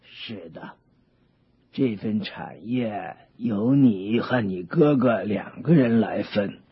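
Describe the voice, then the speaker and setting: A man voices a grave, patient old father in a radio play. He speaks slowly in a low, very husky voice, and the old recording sounds dull. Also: expressive, exaggerated voice. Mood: gentle. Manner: slow, gentle, grave. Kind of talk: radio drama.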